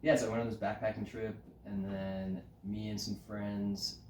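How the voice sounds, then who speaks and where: A man with a lowish voice, a podcast guest from the United States, recounts his story casually and with a lively, laughing energy. He sits a little off the microphone in a roomy space. Faint background noise sits under the voice. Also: normal speed, distant mic. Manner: animated, often laughing, frequent "like" fillers. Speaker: podcast guest, climbing route setter.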